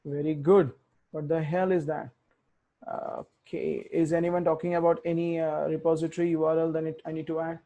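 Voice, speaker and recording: A man leads a live coding tutorial, thinking aloud and correcting himself while muttering over his typed commands. He speaks briskly in a fairly high, mellow voice with vocal fry and a level tone.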